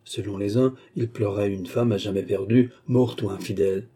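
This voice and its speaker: A male reader voicing a middle-aged father and office chief, speaking in a measured, confiding way. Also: lowish voice, fairly even intonation, warm tone, slightly rough.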